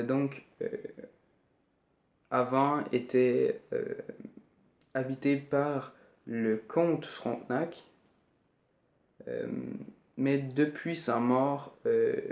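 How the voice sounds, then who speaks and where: Man, casual vlogger, slow halting delivery full of fillers, roomy, muffled home sound. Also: mid-range voice, steady tone, darkish tone. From Canada. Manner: hesitant, many fillers, joking asides. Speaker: YouTuber. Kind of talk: casual video list, reading from notes. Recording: roomy, somewhat dull home recording.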